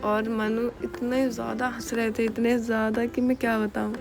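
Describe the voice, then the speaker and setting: A woman's voice: fairly high pitch, flat delivery, normal speed, over music. A young woman narrating a casual home vlog, telling a story in a chatty, giggly way. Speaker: vlogger.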